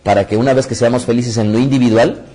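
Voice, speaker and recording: A man preaching a sermon, reading scripture aloud and talking straight to his listeners, his voice rising high and loud when the story gets heated and dropping soft and low afterward. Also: fast talker. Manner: animated storytelling with sudden rises in pitch and loudness; addresses audience directly, reads scripture aloud.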